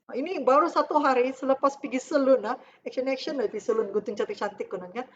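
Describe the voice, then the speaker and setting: Chatty middle-aged Malaysian woman, higher voice. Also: fast, muffled recording, a little hiss or hum. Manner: chatty and conversational, with frequent fillers. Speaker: cancer survivor giving a testimonial. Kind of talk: personal testimonial talk over photos.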